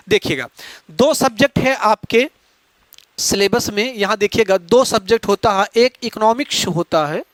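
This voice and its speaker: A man with a very high speaking voice delivers a classroom lecture for exam students. He explains patiently and keeps asking his students rhetorical questions. The sound is dry and close. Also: fairly bright tone, no room sound. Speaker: exam-prep teacher.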